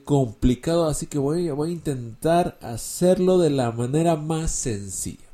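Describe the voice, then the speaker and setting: A man's voice: a little high, warm tone. A man giving an English lesson in Spanish, explaining patiently and repeating key words and examples. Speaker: English teacher.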